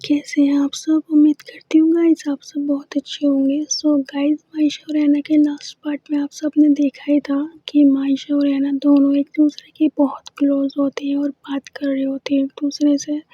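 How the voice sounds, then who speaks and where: A woman narrating a romance story in whispered role-play, talking in a soft, hushed whisper. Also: high voice, monotone, moderate pace, few pauses. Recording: dull lo-fi recording.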